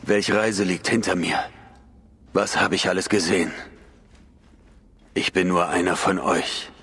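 An actor playing a brave, defiant ancient Egyptian warrior in a video game, declaiming solemnly and dramatically. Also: male voice, low-pitched, steady tone, measured pace, fairly bright tone, breathy edge, full character voice. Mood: solemn reflection.

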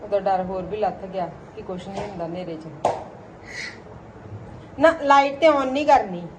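A woman's voice: mid-range voice, moderate pace, noisy background. A mother talking to her young child in a casual home video, coaxing and playfully scolding him.

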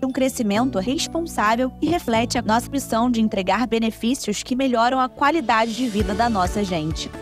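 A woman with a Brazilian accent reading a scripted commercial voice-over in an even promotional tone. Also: a little high, moderate pace, hardly any pauses, faint music behind. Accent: Brazilian Portuguese.

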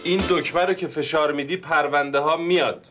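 A man's voice: on the high side, fairly even intonation, over music, natural voice. An actor playing a pompous, boastful male police detective in a TV sitcom, talking formally and self-importantly. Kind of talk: TV sitcom acting.

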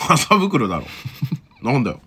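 Animated man bantering over a game. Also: mid-range voice, slow pace, husky. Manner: blunt, teasing banter. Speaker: gaming video co-host. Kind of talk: casual horror game commentary.

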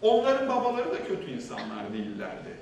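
Animated man telling a story in an echoey hall. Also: medium pitch, fairly quick. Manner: vivid, dramatic, shifts between loud and hushed. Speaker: seminar speaker sharing a personal story. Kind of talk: emotional storytelling on stage. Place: university auditorium. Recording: echoey hall, distant mic.

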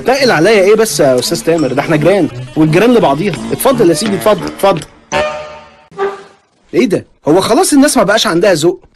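An actor playing a fussy, tactless bachelor neighbor in a cartoon, with an Egyptian accent and a husky voice. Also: male voice, high-pitched, animated, very fast, over music. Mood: chatty. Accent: Egyptian Arabic. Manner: chatty and tactless.

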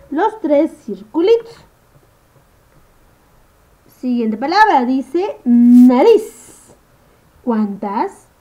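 A woman teaching a first-grade phonics lesson to young children. She talks slowly in a sing-song way, stretches out words and keeps checking in with the class. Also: high voice, mellow, lo-fi sound. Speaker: primary school teacher.

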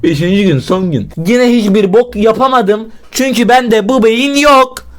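High-voiced man swearing through a horror game. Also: measured pace. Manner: profane, shouts in fright, swears at the game; talks to himself and the game. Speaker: gaming YouTuber. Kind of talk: casual let's-play commentary.

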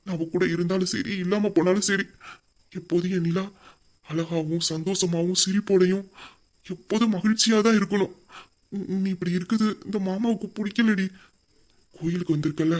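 A young man voicing a loving husband who gently consoles his crying wife in an audio drama. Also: high-pitched. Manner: tender, soothing, affectionate. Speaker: husband Veera. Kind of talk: emotional audio drama acting.

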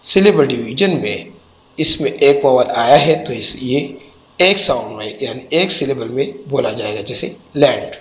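Slow, deliberate male teacher. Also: medium pitch, lively intonation, low-quality recording. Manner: deliberate, spells out letters and repeats words. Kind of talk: textbook lesson explanation.

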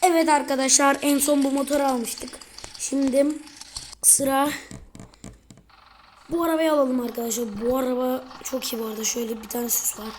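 A woman giving casual commentary on her gameplay, chatty and excitable, often turning to address her viewers. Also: high-pitched, moderate pace, long pauses, slight background noise. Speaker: gaming video creator.

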